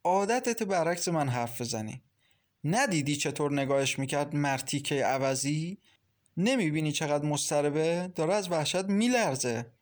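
A man voicing a sharp-tongued, protective young woman in a storybook reading, raising his voice for her blunt, scolding lines. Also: a little high, lively intonation, lightly acted. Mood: angry.

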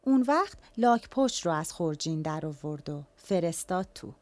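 A woman telling a folk tale in an animated, colloquial storyteller's voice. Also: sits low, no echo.

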